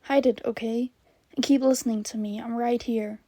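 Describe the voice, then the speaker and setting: A woman voicing a gentle man who is a radio host, talking softly and reassuringly to a frightened child. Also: on the high side, steady tone, normal speed, dry recording, clean studio sound, lightly acted. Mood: coaxing. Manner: soft, coaxing, reassuring.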